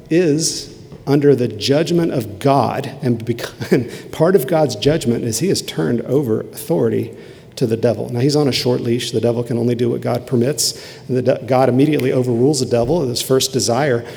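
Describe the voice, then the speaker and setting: A man preaching a sermon, with emphatic rises and quiet, low asides. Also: gravelly. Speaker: pastor. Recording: long hall reverb.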